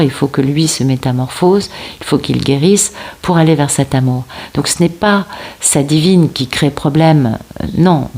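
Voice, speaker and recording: A woman with a French accent giving a casual tarot reading, often pausing to find her words and talking straight to her viewers. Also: deep voice, dark tone. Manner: searching for words, many fillers and restarts; addresses viewers directly, seeking agreement. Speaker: tarot card reader.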